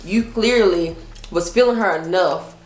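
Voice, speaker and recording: A woman's voice: lowish voice, unhurried. A woman with an American accent in casual relationship chat, speaking emphatically and often checking that the listener follows. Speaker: co-host of a mukbang chat show. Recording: roomy echo, clear background noise.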